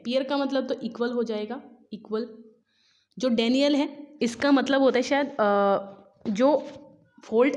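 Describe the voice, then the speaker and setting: Fairly high-pitched woman teaching, quizzing. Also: darkish tone, a little hiss or hum. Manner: quizzing, repeats answers, reads questions slowly. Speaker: English exam teacher. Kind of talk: Hindi-English exam lesson.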